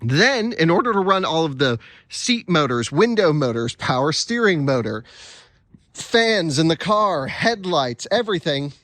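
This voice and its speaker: A man's voice: on the high side, big pitch swings, a little slow, fairly bright tone. Chatty man with the hiccups. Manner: chatty, restarts words, has the hiccups. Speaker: channel host. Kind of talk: casual explainer vlog.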